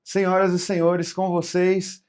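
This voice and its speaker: A Brazilian man hosting a podcast gives a grand entrance announcement for guests, with a ceremonious, emphatic build-up and drawn-out phrases. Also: high-pitched, monotone, darkish tone, smooth. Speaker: podcast host.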